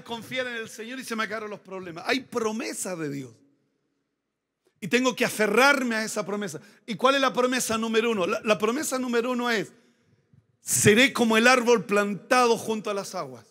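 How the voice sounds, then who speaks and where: A man preaching a sermon as pastor, emphatic and repeating key phrases, slowing down to stress words. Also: extremely high pitch, pushed and bright.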